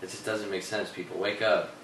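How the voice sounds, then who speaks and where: A man's voice: low voice, flat delivery, brisk, vocal fry, a bit bright. A man hosting a casual political talk show, ranting in a heated, sarcastic way. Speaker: show host. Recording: echoey room, distant mic, faint noise.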